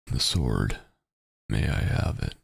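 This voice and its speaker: A man voicing a solemn, cursed ghost from a game, speaking slowly and gravely with a gravelly voice. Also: a bass voice, expressive, no echo, clean studio sound, pitched below the performer's own voice, exaggerated voice. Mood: solemn, pained. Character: solemn cursed male ghost bound by past pain. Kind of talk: reading game dialogue in character.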